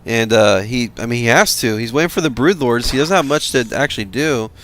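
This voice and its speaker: A man giving casual commentary on a strategy game replay, tired and halting, with many fillers. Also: medium pitch, animated, fairly bright tone, slight background noise. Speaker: game caster.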